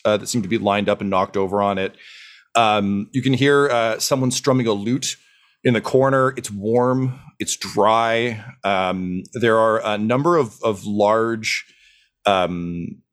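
A man narrating as dungeon master in an improvised tabletop game, loose and full of fillers and chuckles. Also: fairly low pitch.

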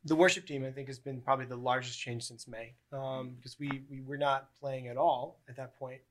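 A man's voice: medium pitch, little pitch movement, fairly quick, a little hiss or hum. A man of twenty-one hosting a casual podcast chat, rambling with many fillers and restarts. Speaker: podcast host.

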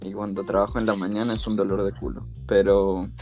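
An easygoing man co-hosts a casual chat, working through his thoughts out loud. His voice sits a little low for a man. A faint bed of music runs underneath. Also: flat delivery, brisk. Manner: easygoing, thinks aloud with fillers. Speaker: podcast co-host.

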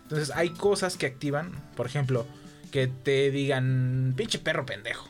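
A man's voice: medium pitch, unhurried. Give me a Mexican man in loose, profane podcast chatter, with faint background music. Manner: slangy, profane, rambling with many fillers. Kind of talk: casual chat.

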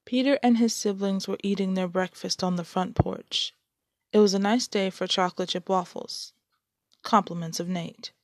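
A woman's voice: medium pitch, steady tone, moderate pace, no room sound, studio quality. A woman hosting her own podcast, chatting casually and then reading a story aloud. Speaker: podcast host and story reader. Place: shared home.

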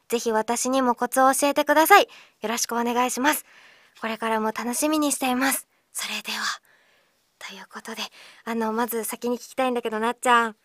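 A woman from Okinawa with a slight Okinawan accent, hosting a radio show in a chatty, playful way, reading listener letters with many filler pauses. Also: a little high, fairly bright tone, no room sound, studio quality. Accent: slight Okinawan Japanese. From Okinawa, Japan.

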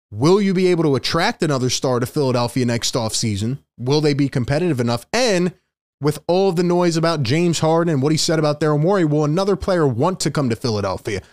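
A man's voice: a little high, dry recording, clean studio sound. Exasperated man ranting about sports. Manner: exasperated, emphatic ranting with rhetorical questions. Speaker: sports commentary YouTuber. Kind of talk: solo sports opinion vlog.

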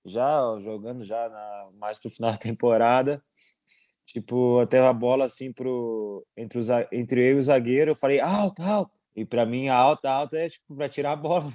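This is a relaxed young man from Brazil, a goalkeeper. His voice is warm and mellow, recorded dry and close. He chats loosely with plenty of fillers and quick laughs. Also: mid-range voice, no echo. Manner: relaxed, chuckling, many fillers. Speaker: goalkeeper abroad, interview guest. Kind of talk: casual interview chat.

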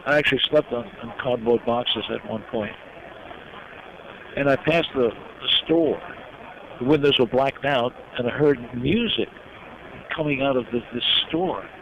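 An older man from New York telling personal stories as an interview guest, reflective and heartfelt, pausing often. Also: medium pitch. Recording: dull lo-fi sound with clear background noise.

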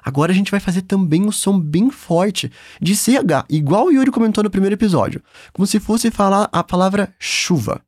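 A Brazilian-accented man leads a language lesson in a fairly high, very lively voice. He is patient and encouraging, and sounds upbeat. The recording is dry and close. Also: a little fast, no room sound. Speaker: German teacher.

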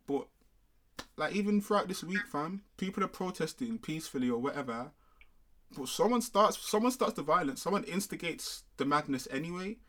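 A man's voice: a little high, lively intonation, moderate pace, a bit bright. Young man, London roadman accent, street slang, casual discussion, emphatic, frequent check-in tags. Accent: London, multicultural urban slang (roadman). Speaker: discussion panellist.

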